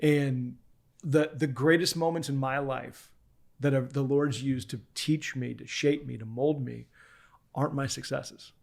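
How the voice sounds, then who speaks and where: A man in his forties, a pastor talking as a guest on a podcast, telling stories earnestly with frequent restarts and soft asides. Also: mid-range voice, steady tone, a little slow, vocal fry. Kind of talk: casual interview chat.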